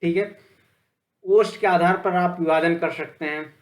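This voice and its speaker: A man's voice: on the high side, unhurried. A male teacher giving a Hindi grammar lecture, asking questions and answering them himself. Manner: plain, steady explaining with frequent fillers.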